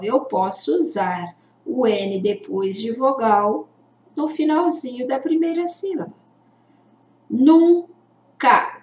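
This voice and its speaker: Lady teacher, super slow and careful, stretches out syllables for little kids, somewhat high voice. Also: darkish tone. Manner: slow, deliberate, stretches out syllables for young learners. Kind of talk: children's literacy lesson. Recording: echoey room.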